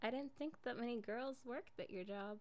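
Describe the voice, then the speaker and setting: A young woman improvises an ASMR roleplay as an affectionate, jealous girlfriend, coaxing in a casual, intimate way, sounding jealous and defensive. Her voice is a little high and a little mellow, close to her everyday voice, at a moderate pace.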